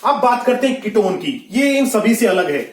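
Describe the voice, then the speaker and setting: A man's voice: high-pitched, sing-song, moderate pace. A man teaching a science class online, explaining step by step and often asking whether students have understood. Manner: explains step by step, asks checking questions. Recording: echoey room.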